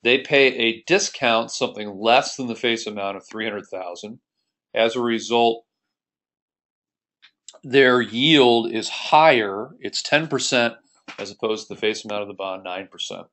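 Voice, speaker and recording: An American accounting instructor explains a screencast lesson methodically and step by step. His medium-pitched voice is unhurried and a bit bright.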